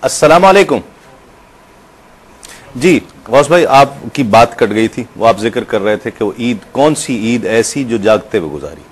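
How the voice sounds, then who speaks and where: A man hosting a casual studio chat on television, playful and quick to laugh. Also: medium pitch, expressive, husky. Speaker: TV host.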